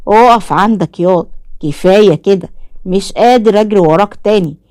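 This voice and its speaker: A woman with an Egyptian accent voicing a sly, scheming man posing as a sheikh, talking slowly and coaxingly. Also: medium pitch, a little mellow, no room sound, clean studio sound, lightly acted. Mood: menacing. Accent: Egyptian Arabic.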